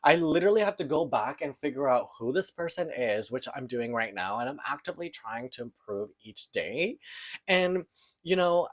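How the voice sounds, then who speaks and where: A Filipino podcast host in his thirties delivers a personal monologue in an earnest, searching and open manner. His voice sits at a middle pitch, with lively intonation and a moderate pace.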